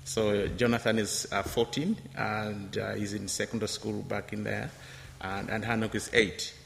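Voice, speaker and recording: A man from Malawi, in his thirties, giving a hesitant testimony with many pauses and fillers in a church. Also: lowish voice, little pitch movement, gravelly, a bit bright, in a large hall, slight background noise. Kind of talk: testimony interview.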